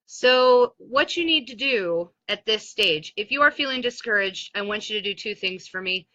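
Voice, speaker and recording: A woman's voice: medium pitch, expressive, normal speed, bright, forceful tone, no echo, dull audio. A woman doing a blunt, chatty motivational talk on a live stream, speaking to sales consultants. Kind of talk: Facebook Live pep talk. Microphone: phone.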